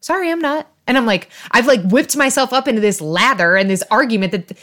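A woman in her thirties tells animated stories as a podcast co-host. Her talk is loose and full of fillers, and she jumps into quoted back-and-forth dialogue. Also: mid-range voice, fairly quick. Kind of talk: casual chat.

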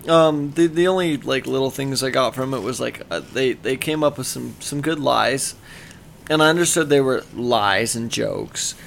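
A man's voice: mid-range voice, normal speed, vocal fry, a bit bright, a little hiss or hum. A tipsy man co-hosting a casual podcast, rambling, swearing and stumbling over his words. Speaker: podcast co-host. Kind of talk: casual chat.

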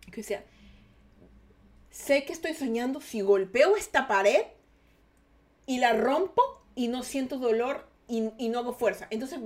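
A young woman hosting a podcast, telling a personal story in an animated way, often breaking off and restarting and quoting her own thoughts. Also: fairly high pitch. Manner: animated, self-interrupting, restarts and quotes herself. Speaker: podcast host. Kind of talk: casual storytelling monologue.

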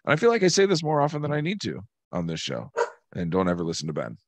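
A man with a scratchy voice, co-hosting a podcast and telling profane, animated stories in casual banter. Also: sits low, fast, gravelly. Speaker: podcast co-host.

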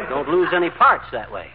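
An actor playing a folksy, overconfident American husband in a 1940s radio comedy, slangy and breezy, on an old noisy recording. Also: male voice, on the high side, highs cut off, close to an everyday voice.

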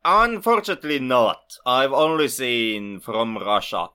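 A man co-hosting a film podcast, speaking in a measured, thoughtful way with dry humor. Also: medium pitch, expressive, sharp tone, smooth. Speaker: podcast co-host. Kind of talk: casual film podcast chat.

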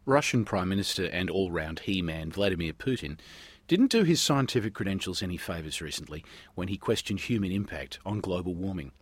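Deep, husky male science radio presenter. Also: animated, fairly quick. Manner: wry, tongue-in-cheek. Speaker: radio science show host and news reader.

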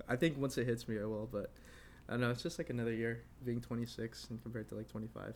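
Speaking quickly with fairly even intonation, a man in his twenties co-hosts a casual podcast in a mid-range, slightly mellow voice. He rambles, uses many fillers, and laughs often, and the recording carries a little hiss or hum.

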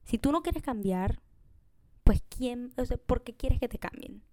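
In this casual solo podcast monologue, the woman hosting speaks at a measured pace in a slightly high voice with lively intonation, a dark tone and no echo. She chats straight to listeners, peppering her Spanish with English words and frequent "you know?" tags.

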